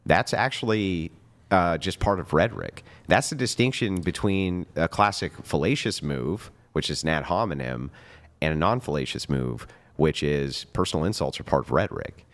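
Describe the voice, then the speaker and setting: A man's voice: low-pitched, lively intonation, moderate pace. A man arguing in a heated debate, lecturing emphatically and swearing. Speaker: debate guest.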